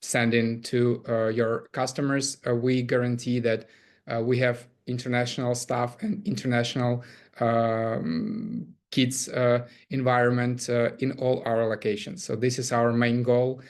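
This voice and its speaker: This is a camp CEO giving a webinar talk, a man of medium pitch with a Ukrainian accent. He sounds flat and unsure, stopping often with fillers.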